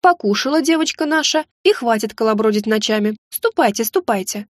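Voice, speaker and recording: A woman's voice: on the high side, expressive, fairly quick, no room sound, clean studio sound, close to an everyday voice. A woman voicing a kindly, grumbling older household cook with a fussy, homely manner.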